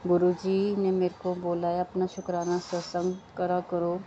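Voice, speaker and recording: A woman's voice: lowish voice, monotone, moderate pace, dark tone, dull audio, a little hiss or hum. A woman with children giving an earnest devotional talk to listeners, repeating words of thanks and chanting mantras. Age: adult with children.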